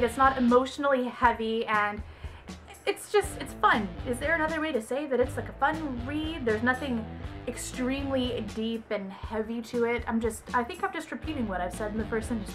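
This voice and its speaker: Chatty young woman with a higher voice. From Texas. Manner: chatty, rambling, self-correcting. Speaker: book reviewer. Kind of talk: casual book review vlog.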